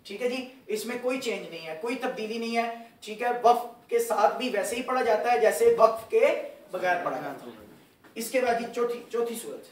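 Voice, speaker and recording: A man's voice: extremely high pitch, lively intonation, moderate pace, slight background noise. A man from South Asia giving a patient Quran recitation lesson, repeating points and quizzing his students. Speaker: religious teacher. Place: mosque hall. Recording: echoey hall, far from mic.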